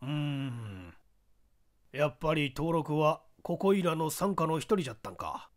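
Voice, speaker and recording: A man's voice: on the high side, animated, a little slow. A man voicing a portly, self-important older police chief who drawls in Kyushu dialect. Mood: boastful.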